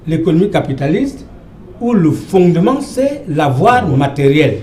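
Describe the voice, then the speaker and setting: An older man from Cameroon holds forth as a debate guest in a TV studio, emphatic and given to repeating himself. His voice sits a little high but mellow. The room is roomy and echoing, with a faint hum underneath. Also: big pitch swings, unhurried. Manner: emphatic, lecturing, repeats phrases. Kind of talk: televised panel debate.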